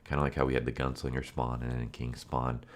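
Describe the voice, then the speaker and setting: A man with a rumbling low voice reviews a comic book in a casual, rambling way, full of fillers and restarts. He talks fast with a completely flat delivery, and a recent illness leaves his voice nasal, congested and stuffy.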